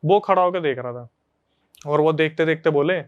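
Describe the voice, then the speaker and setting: A man hosting a podcast, telling a story to his friends in a casual, animated way. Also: a little high, moderate pace, clear, resonant tone, dull audio. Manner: animated, conversational retelling to friends.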